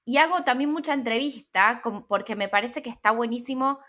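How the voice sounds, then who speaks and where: An interviewer and personal branding consultant with an Argentine accent chats casually, thinking aloud as she repeats and rephrases herself. Her voice is a little high, fairly quick, pushed, and bright.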